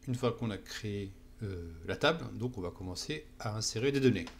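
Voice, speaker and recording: A man with a fairly low voice walks viewers through a screen-recorded tutorial, step by step. He often pauses to check that they follow. A faint hiss of noise sits under the recording. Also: animated, creaky. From France. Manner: explanatory, checks in with "d'accord?". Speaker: instructor.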